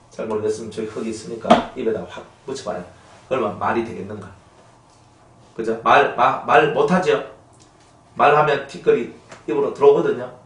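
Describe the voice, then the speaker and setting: A male pastor with a Gyeongsang accent delivers a sermon with a folksy, teasing delivery. His pitch swings widely, and he sounds set back from the mic in a roomy, echoing space. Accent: Gyeongsang Korean. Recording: echoey room, distant mic.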